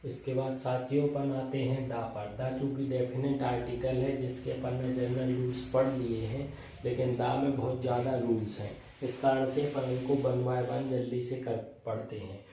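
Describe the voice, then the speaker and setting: A man's voice: medium pitch, flat delivery, moderate pace, dark tone. Man teaching a grammar class, asking and answering his own questions, faint hiss behind, quite echoey. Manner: asks questions and answers them himself. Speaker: English teacher. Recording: echoey room, voice from far off, faint noise.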